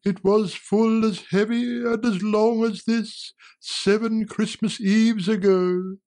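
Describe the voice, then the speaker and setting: A woman voicing the chained ghost of an old male business partner, slow and loud with drawn-out wailing delivery. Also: mid-range voice, fairly even intonation, close to an everyday voice. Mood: solemn. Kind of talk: audiobook character reading.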